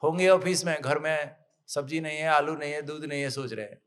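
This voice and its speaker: A middle-aged man giving a motivational spiritual talk, telling a parable and acting out the characters in lively, excited bursts. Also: a little high, a little fast.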